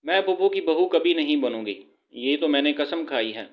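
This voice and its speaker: A stubborn young woman snaps her sharp, scornful refusals, as a male storyteller reads her part. The voice sits a little high for a man, and the recording sounds slightly dull and lo-fi. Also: lively intonation, natural voice. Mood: gloating.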